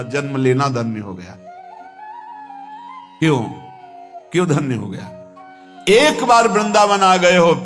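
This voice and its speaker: A man giving a devotional discourse as a spiritual teacher, slow and emphatic, breaking into chanted verses. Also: medium pitch, fairly bright tone. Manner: chants Sanskrit verses in a slow sung tone between plain explanation.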